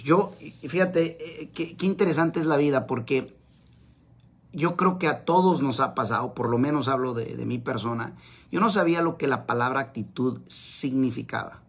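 A man's voice: mid-range voice, fairly bright tone, breathy edge. A man giving a live-streamed motivational talk, emphatic and repeating his key phrases. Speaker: motivational speaker. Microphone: camera mic on live stream.

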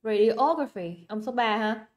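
A young teacher's slightly high voice moves at a moderate pace as she leads an English exam review over livestream. With a Vietnamese accent, she talks in a chatty, coaxing way, repeating words and checking on her students.

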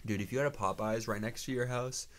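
A man co-hosting a podcast, riffing loosely and excitedly with plenty of swearing. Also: medium pitch, quick pace, slight background noise. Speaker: podcast co-host. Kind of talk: casual chat.

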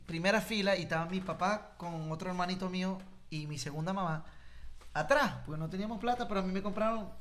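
A man tells stories in a relaxed chat, his voice sitting fairly high. The tone is bright and clear, and he slips into the voices of the people he quotes as he talks. He sounds like a singer-songwriter sharing his stories. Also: fast talker. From Venezuela. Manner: animated storyteller who acts out voices in quotes. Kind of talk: casual storytelling chat.

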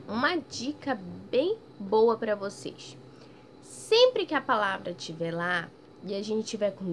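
A woman teaching a primary school class in a recorded lesson, speaking patiently, drawing out example words loudly and checking in often. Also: medium pitch, slight background noise. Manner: ends phrases with "tá bem?" checks. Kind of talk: recorded remote lesson for children.

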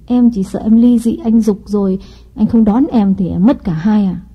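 A woman voicing a calculating young wife in an audiobook, speaking in a coaxing, deliberate way. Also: medium pitch, husky. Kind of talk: audiobook reading. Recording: dull lo-fi audio with faint music.

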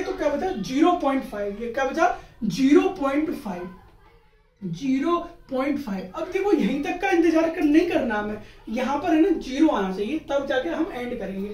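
High-voiced young man teaching math. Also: a little mellow. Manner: asks and answers his own questions, playful. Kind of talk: casual recorded tutorial. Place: room at home. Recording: echoey room, far from mic.

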